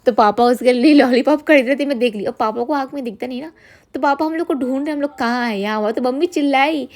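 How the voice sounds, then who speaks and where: Gravelly-voiced chatty woman vlogging. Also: high voice, fast talker. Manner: chatty, venting, switches to soft talk with her child. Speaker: vlogger, single mother. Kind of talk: casual vlog chat.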